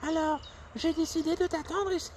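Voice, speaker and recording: A woman's voice: very high-pitched, steady tone, fairly quick, a little mellow, slight background noise. A woman voicing a tiny, timid female ant in a children's story, with a pleading, stammering way of talking.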